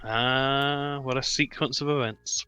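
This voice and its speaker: Male tabletop player, casual, jokey and sweary, clean forceful voice, mid pitch. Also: steady tone, takes it slowly, clean tone, no echo. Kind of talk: casual chat.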